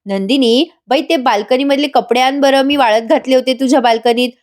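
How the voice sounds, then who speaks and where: A woman voicing a shrewd middle-aged mother from a TV serial, brisk and bossy with a sly, teasing edge. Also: high-pitched, lightly acted.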